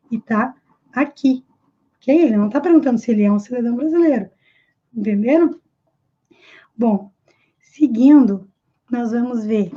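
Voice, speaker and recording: A Brazilian woman teaches an online English lesson. Her voice sits high yet sounds mellow, and the recording is a little dull. She explains each point patiently and puts rhetorical questions to her viewers.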